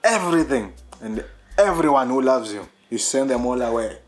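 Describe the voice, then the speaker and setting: A man's voice: mid-range voice, animated, normal speed, lightly acted. Male actor, Zimbabwean accent, guilt-ridden divorcing man, bitter and self-accusing, television drama, faint music bed. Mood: bitter reproach. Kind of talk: television drama acting, switching between Shona and English.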